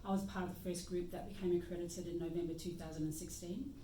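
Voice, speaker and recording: Low, mellow Australian woman in a roomy space. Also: fairly even intonation, fast, a little hiss or hum. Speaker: guest practitioner. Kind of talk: casual conversation. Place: meeting room indoors. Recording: echoey room, mic at a distance.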